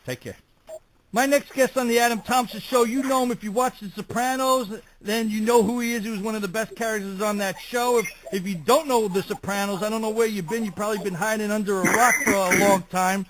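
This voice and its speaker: A man's voice: high voice, fairly even intonation, brisk, fairly bright tone, a little hiss or hum, poor audio. A man with a Brooklyn New York accent, hosting a chatty talk show interview.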